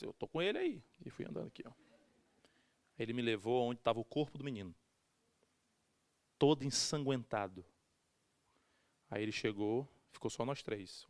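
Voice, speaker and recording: A man's voice: medium pitch, dry recording. A male pastor preaching a sermon, telling a story with humor and acting out quoted voices. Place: church.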